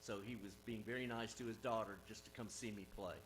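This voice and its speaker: A man's voice: fairly low pitch, fairly even intonation, quick pace, fairly bright tone, a little hiss or hum, rough recording. A man, a singer-songwriter giving rambling, folksy banter between songs on a live stage. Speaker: singer-songwriter introducing his band. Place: live music stage with audience. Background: guitar and band instruments.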